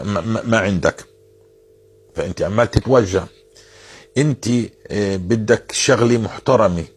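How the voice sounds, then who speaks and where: Man, religious advice talk, earnest, repetitive, low voice, husky. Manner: earnest, insistent, repeats phrases for emphasis.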